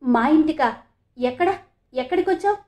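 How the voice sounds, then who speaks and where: A woman voicing a homesick middle-aged mother who calls out in excitement, in a read-aloud story. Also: sits high, normal speed, echoey room, voice pushed up. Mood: overjoyed. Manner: excited, calling out loudly.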